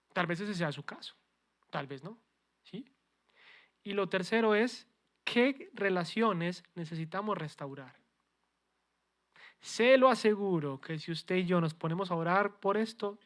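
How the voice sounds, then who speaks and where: A male pastor delivers a sermon. He keeps checking in with his listeners through quick rhetorical questions. His delivery rises to forceful emphasis, then drops to quiet, low asides. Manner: peppers talk with rhetorical questions to the congregation; swings between loud emphatic lines and soft low asides.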